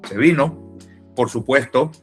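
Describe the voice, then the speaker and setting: A man with a Venezuelan accent, an interview guest and musician, telling a lively story and acting out the people in it. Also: mid-range voice, a little slow, faint music behind. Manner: animated anecdote teller who acts out quoted dialogue. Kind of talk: casual storytelling.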